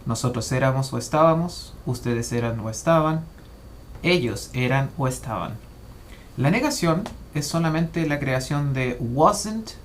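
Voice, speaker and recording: A man's voice: medium pitch, a little hiss or hum. Methodical male English teacher. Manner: methodical, slows to spell out English example phrases. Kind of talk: explanatory grammar lesson.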